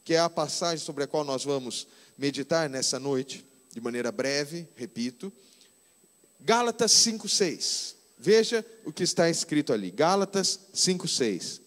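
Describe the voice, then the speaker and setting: A Brazilian man in his fifties, a pastor preaching conversationally and slowing down to stress key phrases. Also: on the high side, animated, big-room sound. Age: 50s. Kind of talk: sermon. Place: church hall.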